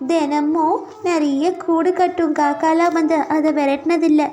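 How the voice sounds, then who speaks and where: A woman's voice: sits high, little pitch movement, unhurried, mellow, pitched above the performer's own voice. A woman voicing a lonely weeping mother tree. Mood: sad, lonely. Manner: sorrowful, pleading. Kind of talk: cartoon storybook voice acting.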